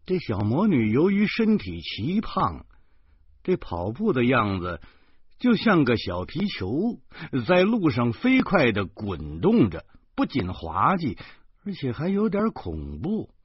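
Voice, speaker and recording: A man reading a first-person novel aloud, animated and slow. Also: on the low side, slightly rough, dry recording. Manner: animated storyteller, slow and drawn out. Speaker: audiobook narrator. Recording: dull dry lo-fi recording.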